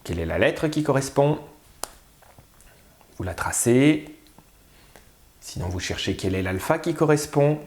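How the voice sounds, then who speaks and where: A man teaching a spelling lesson, sounding out syllables slowly and carefully. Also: medium pitch, animated, roomy sound. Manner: slow, drawn-out, sounding out syllables.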